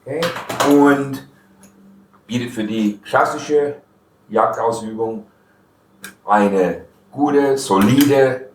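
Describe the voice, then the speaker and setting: A man's voice: mid-range voice, very slow, pauses often. American man with a Franconian German accent. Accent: American with a Franconian German dialect. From United States. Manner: explains technical details step by step, some grammar slips. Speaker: export manager of a gun maker. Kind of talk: product demonstration. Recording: roomy, distant field recording with faint noise.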